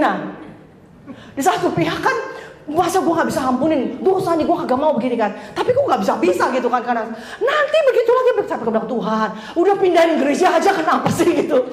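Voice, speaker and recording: High-voiced woman pastor telling a story. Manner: lively storytelling, laughs often, acts out dialogue. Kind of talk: conversational sermon with personal story. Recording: echoey church hall, faint room noise.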